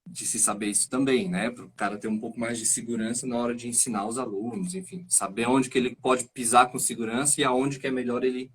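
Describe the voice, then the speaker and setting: A man who acts and teaches singing, explaining his ideas in an animated, thinking-aloud way as a guest on a live stream over a video call. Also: medium pitch, a little fast, hardly any pauses, a little hiss or hum. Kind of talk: casual chat.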